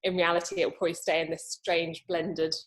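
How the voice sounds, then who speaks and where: Woman on a video call panel, casual work chat, slightly low voice. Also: flat delivery, a little fast, rough recording. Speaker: head of learning at a museum, panel guest. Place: small cabin studio, on a video call.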